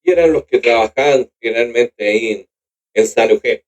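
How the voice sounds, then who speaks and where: A man's voice: mid-range voice, brisk, darkish tone. A man with a Chilean accent hosting a radio interview in a friendly, chatty way. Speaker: radio host.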